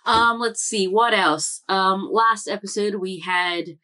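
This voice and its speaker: Speaking slowly in a mid-range voice that sounds pushed and bright, a young anime reaction host rambles through a casual recap at home. She relies on lots of fillers and keeps correcting herself.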